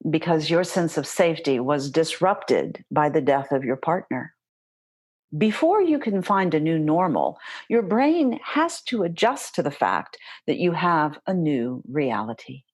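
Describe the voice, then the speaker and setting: A woman giving gentle, reassuring instruction as a meditation guide, speaking directly to the listener in deliberate phrases. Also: low voice, slightly rough.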